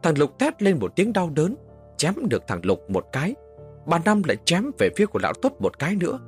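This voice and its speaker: A man's voice: fairly high pitch, wildly swooping pitch, fairly quick, faint music behind. A man telling a first-person horror story as an audiobook narrator, with dramatic, varied delivery.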